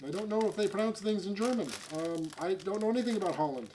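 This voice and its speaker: A man's voice: high voice, fast, mellow, a little hiss or hum. A man hosting a casual comedy food review show, joking at his own expense and rambling with fillers. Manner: self-mocking, jokey, rambling with fillers. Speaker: host.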